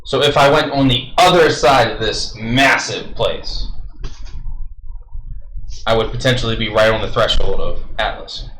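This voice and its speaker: A man's voice: mid-range voice, a little slow, long pauses, fairly bright tone, roomy sound, slight background noise, poor audio. A man playing a tabletop role-playing game, bantering and joking with the group. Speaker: player.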